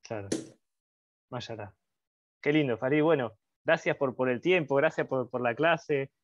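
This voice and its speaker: A man's voice: mid-range voice, unhurried, highs cut off. A man interviewing a guest, speaking hesitantly and repeating words as he frames a question. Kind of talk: interview chat.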